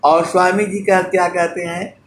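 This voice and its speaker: A man giving a devotional sermon, drawing out sung verses slowly and turning fondly to his listeners between them. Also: high voice, flat delivery, echoey room, a little hiss or hum. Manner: slow drawn-out chanting of verses between spoken teaching. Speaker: spiritual preacher.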